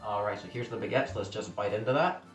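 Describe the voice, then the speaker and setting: A man's voice: fairly low pitch, fast, far from the mic, soft background music. Chatty man vlogging in an echoey room. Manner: chatty and self-deprecating, eating on camera. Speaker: food vlogger. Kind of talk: casual food vlog talk.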